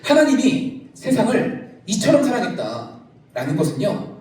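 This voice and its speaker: A middle-aged male pastor preaching a youth service sermon in a large church sanctuary, lively and joking with the congregation. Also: high voice, a little slow, a little hiss or hum. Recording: echoey church hall, from a distance.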